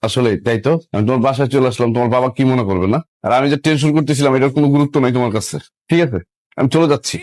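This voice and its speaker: A man's voice: mid-range voice, fairly even intonation, very fast, a little mellow, no echo, lightly acted. An actor playing a possessive young boyfriend who questions his girlfriend with demanding, accusing words. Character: possessive young man, jealous and hot-tempered. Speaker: jealous boyfriend. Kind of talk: Bangla TV drama acting.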